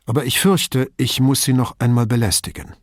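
A tactful middle-aged police commissioner speaks, as a male narrator plays him for an audiobook. His tone is polite and measured, and the voice is mid-pitched. The recording is dry and close. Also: steady tone, no room sound, close to an everyday voice.

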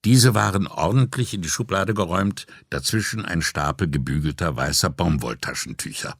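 A man narrating an audiobook crime story in a measured, calm reading voice. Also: low-pitched, slightly rough, no room sound, clean studio sound. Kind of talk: scripted narration.

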